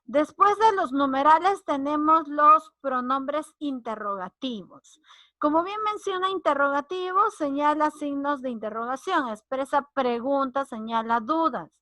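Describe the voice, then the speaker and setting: A woman's voice: high-pitched, lively intonation, measured pace, pushed and bright, dry recording. A woman teacher, explaining grammar and acting out short example lines. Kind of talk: online grammar lesson.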